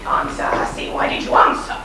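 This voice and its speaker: A woman's voice: brisk, lightly acted. A woman playing a pompous middle-aged aunt who muddles her words, speaking grandly and fussily in a stage play. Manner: grand, fussy, theatrical stage delivery. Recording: echoey hall, far from mic, noisy.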